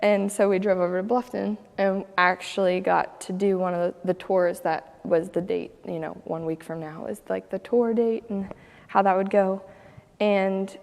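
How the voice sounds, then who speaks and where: A young woman from Ohio tells her story in a relaxed, chatty way, breaking into laughs and acting out other people's lines. Her voice sits at an ordinary middle pitch. A long reverb hangs around her words. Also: normal speed, gravelly. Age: young adult. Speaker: guest telling her story. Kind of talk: casual personal storytelling.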